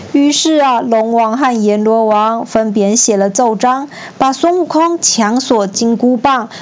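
Woman storyteller for kids, high-ish voice, expressive, dull lo-fi audio. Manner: expressive, lively narration. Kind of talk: children's storybook reading.

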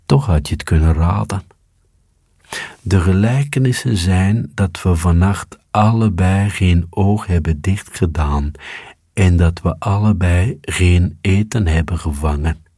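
A man's voice: low-pitched, unhurried, mellow, husky, no room sound, studio quality, exaggerated voice. A man voicing a sly male fox who whispers in a honeyed, teasing way.

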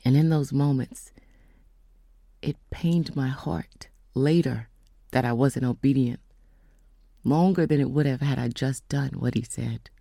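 Gravelly woman telling a faith testimony. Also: extremely low pitch, warm tone, no echo, studio quality. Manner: storytelling, acts out quoted voices; slows down for emphasis, drops to whispers. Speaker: speaker giving a testimony.

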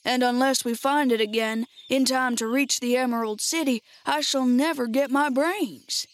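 A woman voicing a male living scarecrow, eager and prone to grumble, with drawn-out exclamations in a storybook reading. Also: sits high, no room sound, natural voice. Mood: grumbling.

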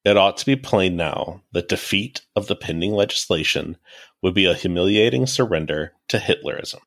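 Man, low voice, laid-back co-host, casual history chat. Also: moderate pace, fairly bright tone. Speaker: podcast co-host.

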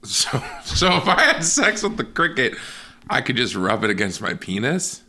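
A man co-hosting a podcast in casual chat, giggling often and jumping high in pitch when he laughs. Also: big pitch swings, moderate pace, sharp tone. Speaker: podcast co-host.

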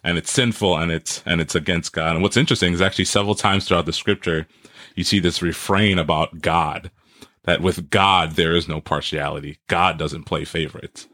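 A man in his thirties, from Trinidad and raised in Brooklyn, speaks as a guest pastor. He explains things earnestly in a very low voice. The sound is dry and close. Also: steady tone, a little fast, sharp tone, no room sound. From Trinidad, raised in Brooklyn, New York. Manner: earnest, explanatory, laughs easily. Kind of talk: podcast interview.

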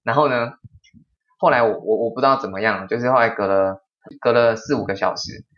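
A young man, a podcast host telling a story in casual chat, animated and often quoting people. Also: mid-range voice, a little fast. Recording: slightly dull lo-fi sound.

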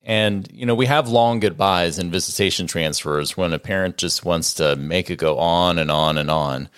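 A man in his forties, co-hosting a parenting podcast in a relaxed, conversational way with joking asides. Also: low-pitched, normal speed, smooth, no echo, studio quality. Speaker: podcast co-host and co-parenting educator. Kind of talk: casual podcast chat.

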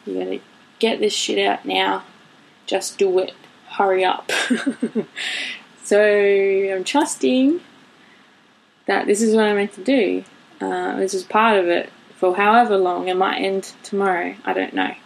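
Here a podcast host in her late twenties talks alone, rambling openly and now and then laughing or cursing. The rough recording captures a medium-pitched voice with vocal fry.

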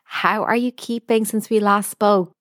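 A woman's voice: mid-range voice, fairly even intonation, a little slow, dry recording. A woman hosting a solo podcast, talking directly to the listener in an earnest, emphatic way on a close mic. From United Kingdom. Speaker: podcast host, dietitian.

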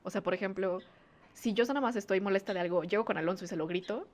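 A woman's voice: medium pitch, quick pace. A woman, co-hosting a podcast in casual chat, talking with many fillers and frequent laughs. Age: 20s. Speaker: podcast co-host.

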